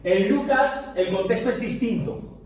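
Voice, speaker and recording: A man with a high-pitched, unhurried voice leads an informal Spanish Bible class for a group, keeping it conversational, questioning his listeners often, and using many filler checks. The recording sounds echoey, with the mic placed at a distance.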